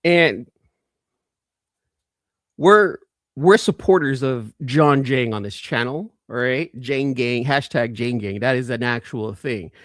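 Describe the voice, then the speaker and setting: In a casual live-stream chat about his comics, a man hosting a collecting show talks enthusiastically in informal slang and repeats phrases to stress them. His mid-range voice is a bit bright, and he takes it slowly. The recording is dry and studio quality.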